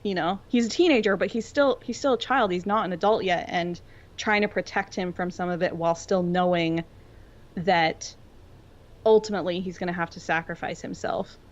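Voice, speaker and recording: At a moderate pace, a fairly low-pitched woman talks about fiction as a podcast co-host. Her tone is earnest and thoughtful yet informal, captured in dull, lo-fi sound.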